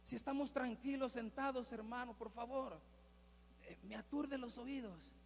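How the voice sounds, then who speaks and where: A preacher putting on a fussy, irritable churchgoer who mutters complaints in a high, gravelly voice. A long hall reverb hangs on the words. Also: male voice, a little slow, heavily acted. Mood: irritated. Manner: grumbling softly.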